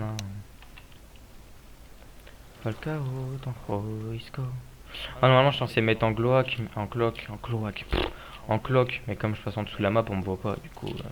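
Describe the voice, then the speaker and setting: A man's voice: on the low side, background noise. A tired man working as a game server admin, scolding players in casual gameplay commentary. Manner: exasperated, scolding players about respect.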